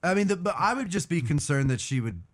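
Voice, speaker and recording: A man's voice: a little high, very animated, fast talker. A male podcast co-host joking dryly with a guest. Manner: dry, joking. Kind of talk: casual podcast chat.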